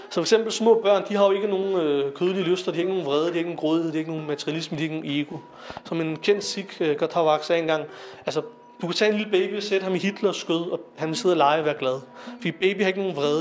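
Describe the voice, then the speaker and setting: A young man giving an informal lecture to young people, talking conversationally with fillers and asking his listeners questions. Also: sits high. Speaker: lecturer on Sikh philosophy.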